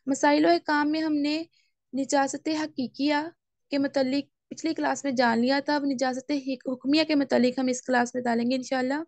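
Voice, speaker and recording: A woman teaching a Quran course class, explaining step by step and slowly reciting Arabic phrases. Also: sits high, flat delivery, a little mellow, no echo. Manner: explains step by step, asks class to raise hands. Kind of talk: online class lesson.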